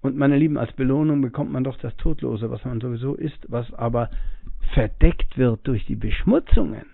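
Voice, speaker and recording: A man's voice: mid-range voice, moderate pace, creaky, no echo. A man giving a spiritual teaching in a musing way, acting out the voices of the people he quotes and breathing audibly as he talks. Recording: tinny phone-like audio, dry.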